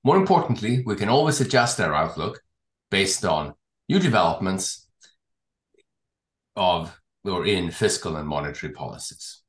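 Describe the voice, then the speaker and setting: A man co-hosting a podcast, explaining things in a measured, orderly way. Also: low voice, animated, echoey room. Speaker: podcast co-host. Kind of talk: podcast discussion, summarizing and signing off.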